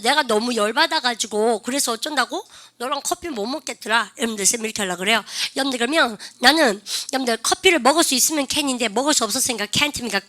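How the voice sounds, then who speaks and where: A woman teaching an English speaking class, animated and drilling her students with prompts and slow, drawn-out example phrases. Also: a little high. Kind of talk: classroom lesson.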